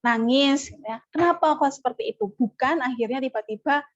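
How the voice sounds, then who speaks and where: High-voiced woman leading a parenting workshop. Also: a little fast, no room sound, dull audio. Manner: animated, acts out parent-child dialogues. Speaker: parenting trainer. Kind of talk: online parenting workshop talk.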